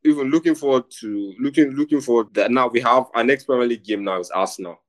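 A young man, co-hosting a casual football chat in a rambling, animated way. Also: medium pitch, quick pace. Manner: animated, rambling, says "bro" a lot. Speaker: podcast co-host.

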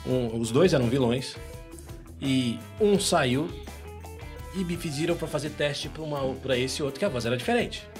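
A Brazilian voice actor and dubbing director chatting casually in an interview, telling animated stories. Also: male voice, medium pitch, normal speed, over music. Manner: animated storyteller, acts out quotes. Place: home recording in the United States.

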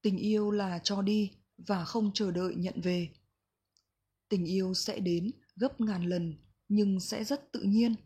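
A woman reading a reflective book passage aloud in a slow, gentle, measured way. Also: medium pitch, fairly even intonation, breathy edge. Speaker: book reader.

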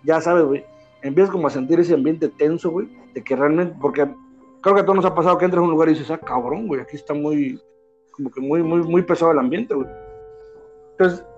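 A man's voice: fairly high pitch, fast, dull audio, soft background music. A man in his thirties with a Mexican Spanish accent, telling a personal story in casual, slangy chat full of filler words. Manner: slangy, animated, peppers speech with filler words.

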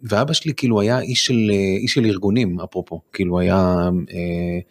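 A man in his forties, telling a personal story as a guest on a studio podcast, halting with many fillers and restarts. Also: sits low, steady tone. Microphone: studio microphone.

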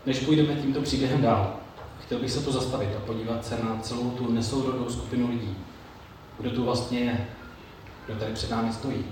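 Male preacher, measured sermon delivery, distant mic in a booming hall with a little ambience. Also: steady tone, darkish tone, a little hiss or hum. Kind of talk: sermon with Bible reading. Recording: very echoey room, mic far off, faint ambience.

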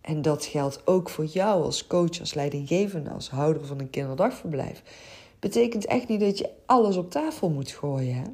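Low-pitched and warm, this middle-aged woman from the Netherlands talks at a normal speed with expressive delivery. As a podcast host and childcare coach, she reflects openly and earnestly, often hesitating as she speaks.

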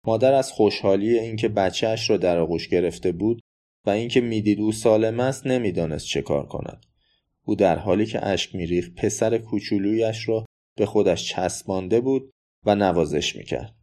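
A man narrating a children's storybook in a steady, measured reading. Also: fairly low pitch. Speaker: audiobook narrator.

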